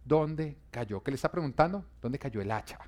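A man's voice: medium pitch, lively intonation, fast. Man preaching an emphatic sermon. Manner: emphatic preaching with rising, forceful emphasis on key phrases. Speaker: pastor.

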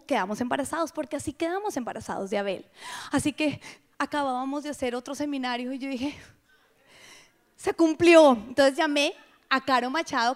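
A middle-aged woman giving an animated personal testimony to a women's gathering, dropping now and then to hushed whispers. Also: high-pitched.

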